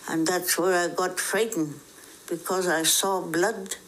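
A woman in her seventies speaks slowly and plainly in an interview, her voice low and unhurried. A faint hum of ambience sits behind her. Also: fairly even intonation, a bit bright, rough recording. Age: 70s. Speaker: residential school survivor. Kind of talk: interview testimony.

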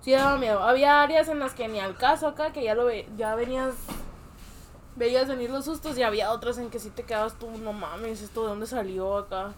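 A woman's voice: fairly high pitch, fast talker, a little hiss or hum. A young woman with a Mexican accent, chatting casually and telling a story in slangy speech, often laughing. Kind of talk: casual chat.

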